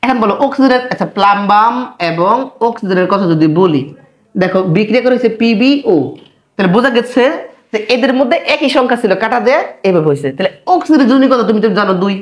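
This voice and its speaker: A man's voice: high voice, animated, fast talker. A man teaching chemistry, patiently repeating key terms and stopping to check that students follow. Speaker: chemistry tutor. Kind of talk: classroom lecture.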